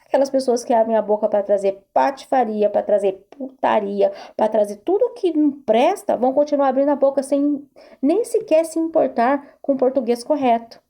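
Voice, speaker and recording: A woman's voice: sits high, normal speed, mellow. A woman therapist giving an earnest self-help talk to camera, repeating herself and asking rhetorical questions. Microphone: recorded video to camera.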